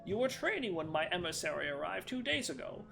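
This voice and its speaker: A man's voice: high voice, very animated, fairly quick, creaky, sharp tone, faint music behind, voice pushed up, exaggerated voice. A man doing a formal, officious judge.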